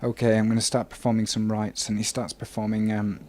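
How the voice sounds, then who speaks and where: A man narrating a tabletop game as game master, relaxed and full of ums and uhs. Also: on the low side, fairly quick.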